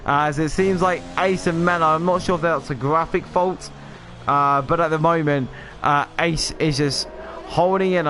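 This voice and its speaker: A man's voice: fairly high pitch, a bit bright. A man commentating a sim racing stream, rambling with lots of fillers and self-deprecating asides. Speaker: lead race commentator.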